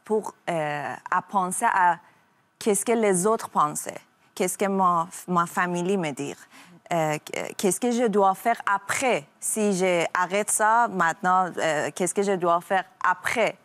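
A young woman from Iran, a talk show guest speaking halting French and searching for her words. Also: on the low side, fairly bright tone.

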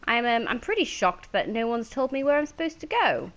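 Lively, chatty woman streamer. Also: on the high side, a little fast. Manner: chatty, greets chat by name, laughs easily. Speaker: game streamer. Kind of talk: casual chat while streaming a game.

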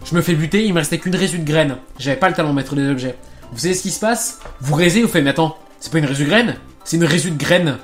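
A man's voice: a little high, fast talker, faint music behind. A man casually commenting on a video game he is playing, rambling with lots of fillers, restarts and swearing. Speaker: gaming channel host. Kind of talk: casual let's play commentary.

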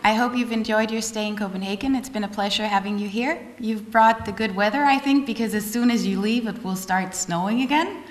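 Woman, mid-pitched, chairing assembly, polite, faint background hum. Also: fairly quick, hardly any pauses. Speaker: session chair. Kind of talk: formal chairing.

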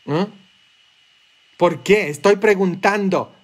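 A man with a Mexican Spanish accent, preaching a sermon as a priest in a joking, conversational way with quick asides. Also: high-pitched.

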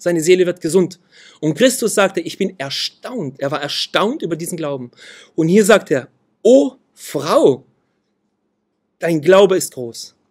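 A man's voice: sits high, a little mellow. A man preaching a sermon, reading Bible verses aloud and repeating key phrases with earnest emphasis.

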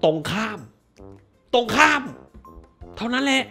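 A man's voice: very high voice, big pitch swings, measured pace, vocal fry, pushed and bright, faint music behind. A man hosting a movie review show, ranting casually in a crude, profane, sarcastic way.

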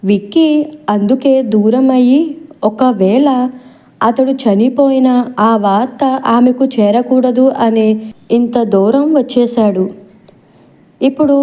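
A woman's voice: fairly high pitch, dark tone. A woman reading a romance audiobook as narrator, in a poetic, emotive storytelling manner.

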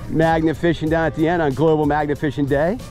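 An excited man narrating his magnet fishing outdoors at a waterfront, hyped and shouting catchphrases. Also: fairly high pitch, quick pace, soft background music. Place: outdoor waterfront docks and park.

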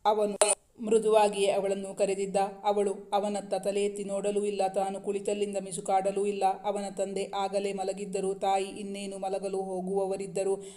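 A man reading a romance novel aloud as scripted narration, at a steady, even pace. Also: sits high, normal speed. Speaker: storyteller.

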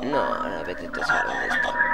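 A man's voice: sits low, wildly swooping pitch, normal speed, gravelly, loud music behind the voice. A man from commenting on a horror game, joking, swearing and muttering in frustration. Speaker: gaming channel host.

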